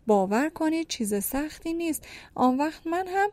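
A woman's voice: high voice, expressive, darkish tone, dry recording, voice pushed up. A woman voicing a blind man who speaks politely and reasons patiently with rude people.

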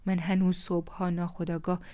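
A woman's voice: lowish voice, flat delivery, mellow, lightly acted. A woman reading as a wistful widowed old neighbor. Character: elderly widowed neighbor man, gentle and wistful.

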